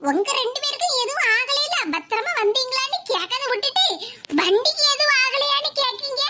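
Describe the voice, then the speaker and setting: Woman doing a cheeky young cartoon daughter-in-law, Kanyakumari Tamil accent, teasing and chatty, very high voice. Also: animated, a little fast, very noisy.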